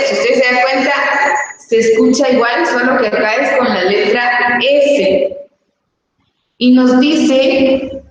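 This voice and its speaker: Woman, Guatemalan accent, teacher, patient and repetitive, very slow, echoing far-off sound. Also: a little high. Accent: Guatemalan Spanish. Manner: patient, repeats and rephrases points. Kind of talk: recorded class lesson. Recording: echoey long reverb, far from mic.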